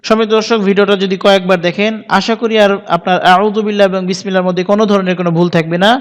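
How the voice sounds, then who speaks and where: A man teaching recitation pronunciation, spelling out each syllable and then stretching the words into slow recited phrases. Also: high voice, little pitch movement, clean tone, long reverb tail. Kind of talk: spoken pronunciation lesson with slow drawn-out recitation.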